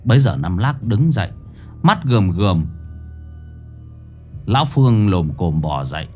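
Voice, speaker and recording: A man narrating a ghost story in a dramatic, expressive way. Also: lowish voice, unhurried. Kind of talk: scripted horror story narration. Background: faint music.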